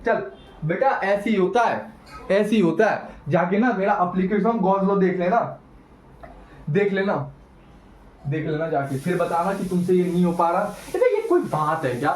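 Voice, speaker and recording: A man teaching a physics lesson, animated and teasing, talking straight to his students. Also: high-pitched, moderate pace, reverberant, a little hiss or hum, rough recording. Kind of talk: classroom lecture.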